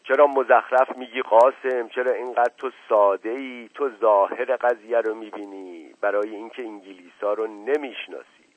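A man's voice: lowish voice, dry recording, natural voice. A man doing a pompous old patriarch. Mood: stern. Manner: grave, lecturing and self-important. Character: older male patriarch, pompous and paranoid. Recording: tinny narrow-band radio sound, dry.

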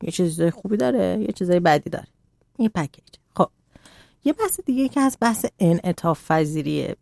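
A woman talking calmly as a radio guest, explaining parenting and boundaries in a measured way. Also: on the low side, gravelly, no room sound, clean studio sound.

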